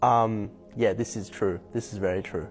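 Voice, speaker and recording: A man's voice: on the low side, fairly even intonation, moderate pace. Reflective young man from Hong Kong. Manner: reflective, with frequent ums and soft laughs. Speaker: convert sharing his story. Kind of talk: personal testimony to camera. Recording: faint music bed behind voice.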